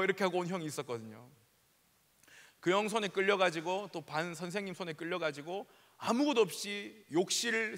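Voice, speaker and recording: Male youth pastor, 30s, bright and quick, joking storyteller, echoing in a big hall. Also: high-pitched. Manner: animated, joking, acts out scenes. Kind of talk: storytelling sermon. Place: large church sanctuary. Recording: long hall reverb.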